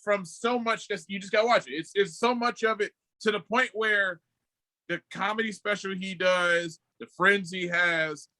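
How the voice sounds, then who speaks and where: Bright, animated podcast co-host guy. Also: sits high, normal speed, no echo, rough recording. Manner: animated, slangy storyteller who swears freely. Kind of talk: casual podcast chat. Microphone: video call.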